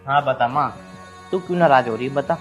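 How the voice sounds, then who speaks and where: A man's voice: mid-range voice, brisk, dull audio, loud music behind the voice, lightly acted. An actor playing a concerned young husband torn between wife and mother in a village film drama. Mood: puzzled. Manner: concerned, protective. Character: caught-in-the-middle young husband.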